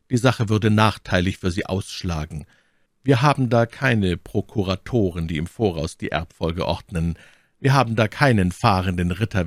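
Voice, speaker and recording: A man voicing a cold, mocking English lord in an audiobook reading, with coolly sarcastic, measured threats. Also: low-pitched, no room sound, studio quality, natural voice.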